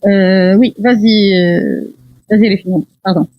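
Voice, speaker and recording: Very fast-talking woman host, lo-fi. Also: mid-range voice, fairly even intonation, dry recording. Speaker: live stream host. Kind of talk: casual live-stream moderating. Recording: dull lo-fi stream audio.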